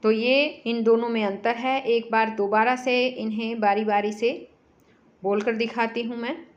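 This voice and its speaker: Woman teacher, slow careful lesson for kids, higher voice, dull lo-fi sound. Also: fairly even intonation. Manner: patient, repeats words syllable by syllable. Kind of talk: slow workbook lesson for children.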